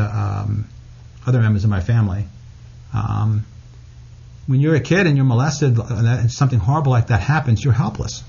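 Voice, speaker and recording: A man's voice: mid-range voice, darkish tone, husky, highs cut off. A man being interviewed as an author, speaking frankly and bluntly, cursing freely. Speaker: guest author. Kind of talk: candid interview talk.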